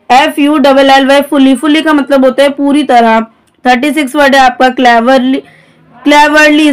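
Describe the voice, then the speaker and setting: A woman teaching English vocabulary, spelling each word letter by letter and then explaining its meaning. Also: high voice. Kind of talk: vocabulary lesson, spelling out words.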